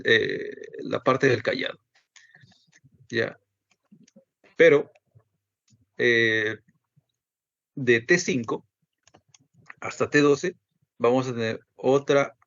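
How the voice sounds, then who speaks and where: A man's voice: mid-range voice, slow, vocal fry, pauses often, fairly bright tone, no echo. A man teaching an anatomy lesson step by step and asking himself the students' questions. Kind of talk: recorded anatomy lecture. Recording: dull, lo-fi dry recording.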